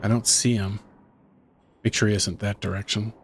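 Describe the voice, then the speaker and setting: A gaming YouTuber quietly talks to himself and the viewer in tense let's-play commentary as he plays a horror game. His fairly low voice is flat and moderately paced, and there's slight background noise.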